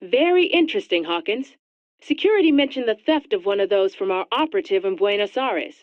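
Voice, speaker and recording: A woman voicing a brisk, authoritative female agency chief in a video game, heard over a radio filter. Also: mid-range voice, animated, no room sound, muffled recording. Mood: commanding.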